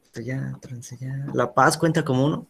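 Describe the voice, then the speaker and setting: A man's voice: mid-range voice, fairly even intonation, normal speed, vocal fry, a bit bright, breathy edge. Man student, joking and distracted, slightly off-mic.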